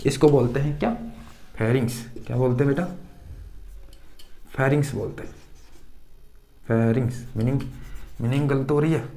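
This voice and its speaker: A man teaching a school science class. He asks his pupils a question, answers it himself, then repeats the term again. His pitch sits in the middle of the usual male range. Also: dark tone. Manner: addresses students fondly as children. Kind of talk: classroom-style science lesson.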